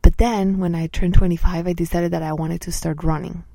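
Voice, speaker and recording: A woman in her thirties, a coach, speaking softly and earnestly about her own experience, at times voicing inner thoughts. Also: on the low side, steady tone, fairly quick, creaky, no room sound. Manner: soft-spoken, earnest, acts out inner voices. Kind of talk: reflective personal talk.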